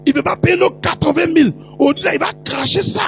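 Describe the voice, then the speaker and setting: A shrill, mincing male prison inmate squeals his lines high above normal speech. A man puts him on as a mocking impression, pushing the voice up into an exaggerated falsetto with faint guitar music behind. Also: brisk, gravelly, a bit bright, exaggerated voice. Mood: complaining.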